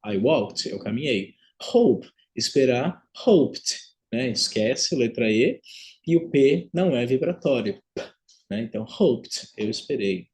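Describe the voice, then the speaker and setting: A man with a Brazilian Portuguese accent lecturing on English phonetics in an online class, repeating example words slowly and with stress. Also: mid-range voice, animated, darkish tone.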